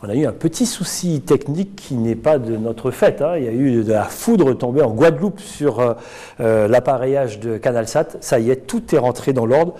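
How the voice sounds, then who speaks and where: A man hosting a live TV studio interview, talking in a relaxed, friendly way with frequent fillers. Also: medium pitch, moderate pace. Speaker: TV news host.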